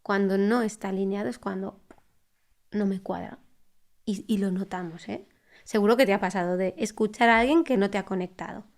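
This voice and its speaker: A woman who works as a speech therapist talks through her ideas as a podcast guest. Her pitch sits in a middle range. She speaks in a reflective, conversational way, restarting phrases and checking in with tag questions. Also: brisk. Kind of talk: conversational interview. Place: podcast recording.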